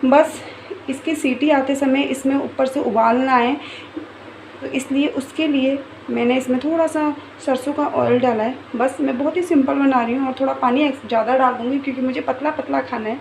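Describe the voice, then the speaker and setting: A woman's voice: sits high, fairly even intonation, normal speed. Chatty young woman vlogging at home. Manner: chatty, talks softly while child sleeps. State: unwell, pregnant. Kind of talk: casual home vlog narration. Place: home, kitchen and bedroom. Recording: noisy home recording.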